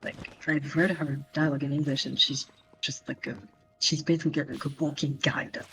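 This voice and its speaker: Chatty high-voiced man. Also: level tone, fairly bright tone, a little hiss or hum, rough recording. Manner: chatty, laughs often, quick asides. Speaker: streamer. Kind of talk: casual chat.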